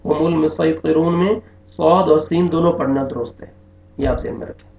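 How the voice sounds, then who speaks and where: A man's voice: fairly high pitch, normal speed, vocal fry. A man teaching a Quran reading lesson, patiently repeating each rule and checking in with his students. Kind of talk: recorded online lesson. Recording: echoey, dull lo-fi room sound.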